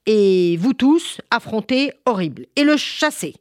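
A woman voicing a brave, angry king giving loud commands in a children's story. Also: on the high side, very animated, measured pace, no room sound, clean studio sound, voice pushed up. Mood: commanding.

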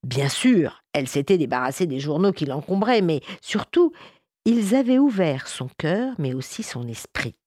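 A woman reading a story aloud, expressive and warm, with occasional hesitation fillers. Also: low voice, moderate pace, no echo, studio quality. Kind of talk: storytelling narration.

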